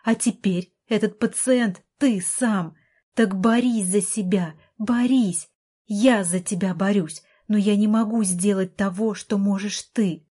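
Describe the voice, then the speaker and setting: A woman voicing an exasperated older sister, a doctor, who pleads and shouts at her brother in an audiobook. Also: medium pitch, unhurried, breathy edge. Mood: desperate.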